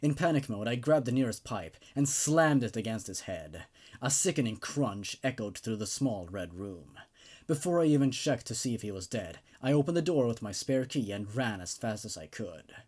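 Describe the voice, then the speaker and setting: A man's medium-pitched, slightly mellow voice carries expressively at a moderate pace. He hosts horror story readings, delivering dramatic, emphatic narration and an easygoing, enthusiastic review.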